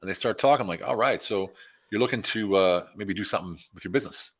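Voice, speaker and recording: A man's voice: low voice, fast talker. A man from Pennsylvania, a business consultant guest, chatting casually in an interview and acting out conversations as he tells stories. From Pennsylvania, USA. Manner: animated storytelling, acts out conversations.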